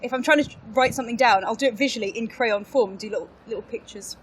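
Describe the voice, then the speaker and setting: A woman's voice: fairly high pitch, quick pace, slight background noise, rough recording. A young woman from England, an actor and improviser, chatting as a podcast guest in a bubbly, self-mocking way and laughing often. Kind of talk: casual interview chat.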